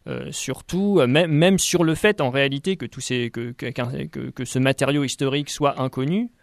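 Gravelly-voiced male theatre guest. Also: mid-range voice, normal speed, no echo, studio quality. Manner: hesitant, searching for words. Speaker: guest, theatre company member. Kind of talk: radio interview.

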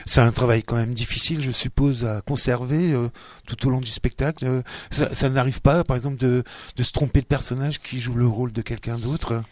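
A man's voice: medium pitch, fairly even intonation, fairly quick, a little mellow, no echo. Hesitant male radio host, dry sound. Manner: hesitant questions with fillers. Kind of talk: radio interview.

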